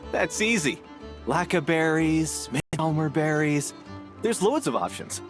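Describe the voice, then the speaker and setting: A woman's voice: deep voice, lively intonation, measured pace. A woman playing a casual young adventurer in a video game class, musing as she answers. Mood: confident. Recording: game music behind the voice.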